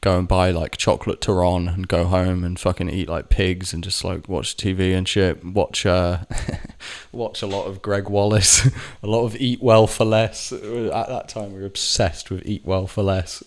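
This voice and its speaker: Man, deep low voice, casual vlogger, rambling, swears a lot, corrects himself. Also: flat delivery, measured pace. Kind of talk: casual storytelling monologue.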